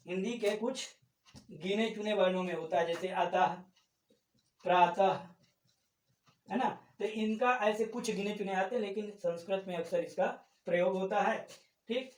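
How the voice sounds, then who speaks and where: High-voiced male teacher in an echoey room. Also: far from the mic. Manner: asks the class questions and answers them himself; explains step by step, repeating terms. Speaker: Hindi grammar teacher. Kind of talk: classroom-style lesson.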